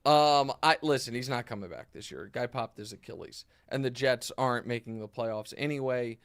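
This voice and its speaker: A man hosting a casual sports talk show, emphatic and animated, often restarting his sentences. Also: medium pitch, normal speed, no room sound, studio quality. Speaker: host.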